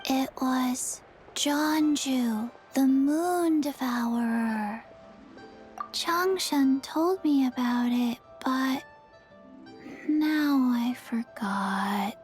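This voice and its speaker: A little zombie girl from a video game. The voice is high and childlike, with a very drawn-out pace. Short phrases come out haltingly, dazed, earnest and deadpan. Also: soft background music. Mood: halting, forgetful.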